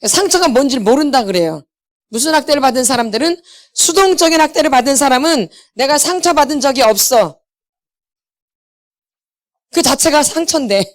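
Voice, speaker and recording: A middle-aged woman who lectures for an inner healing ministry speaks at a church healing seminar in a meeting hall, emphatic and quizzing her audience, sometimes slipping into blunt, casual speech. Her voice is high-pitched and expressive, at normal speed with frequent pauses.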